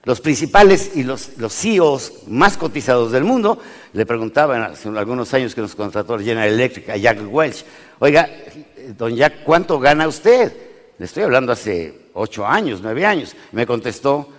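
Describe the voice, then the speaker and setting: A man with a Mexican accent giving a motivational business lecture to an audience, animated, swinging between loud and hushed, often questioning the crowd. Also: medium pitch, normal speed. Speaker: motivational speaker. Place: large lecture hall with audience. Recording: lecture hall reverb.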